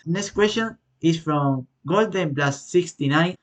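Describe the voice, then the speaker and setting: A Spanish-accented man, a native Spanish speaker, answers viewer questions in a relaxed vlog. His voice sits a little high. He talks haltingly, with plenty of fillers and self-corrections. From Spain. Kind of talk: casual Q&A vlog.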